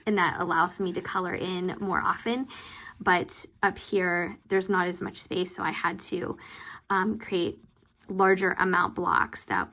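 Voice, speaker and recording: A woman vlogger giving casual, rambling, self-deprecating commentary as she works, with vocal fry at the ends of her phrases. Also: medium pitch, a bit bright. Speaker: planner vlogger hosting budget updates. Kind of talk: casual chatty voice-over commentary while working.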